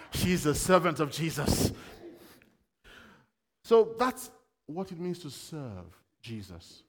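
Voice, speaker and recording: A man's voice: fairly high pitch, big-room sound. Man preaching with conversational questions. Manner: conversational, asks the congregation questions. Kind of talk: sermon.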